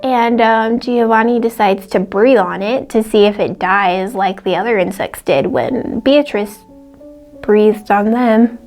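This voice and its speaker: A woman's voice: mid-range voice, measured pace, darkish tone, soft background music. A woman casually retelling a classic story for a book vlog, chatty and full of "like" and little laughs. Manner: chatty, heavy use of "like", laughs often. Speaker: book vlogger.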